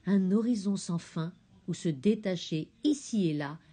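A woman narrating a children's storybook, expressive and gentle. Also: fairly low pitch, measured pace, breathy edge.

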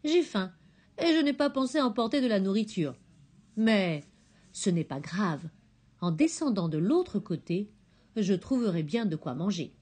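A woman voicing a lively, headstrong little girl in a storybook, eager and bold. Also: mid-range voice, a little slow, slightly rough.

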